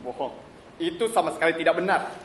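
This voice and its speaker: A man's voice: a little high, animated, quick pace, fairly bright tone, a little hiss or hum. An actor playing a cheerful male city official on a theatre stage, breezy and reassuring with a bureaucratic air. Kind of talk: stage play acting. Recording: roomy live stage recording.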